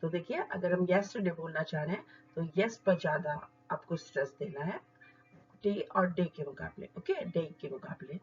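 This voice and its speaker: Female English tutor, patient and explanatory, slightly dull audio, soft music underneath. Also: on the low side. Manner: slow deliberate word-by-word modelling of stress. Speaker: English teacher. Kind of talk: explanatory lesson.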